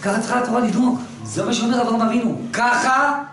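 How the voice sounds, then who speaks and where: A male religious teacher telling a story to a class, animated and moving between hushed and loud. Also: extremely high pitch, soft background music. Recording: echoey room, distant mic, noisy.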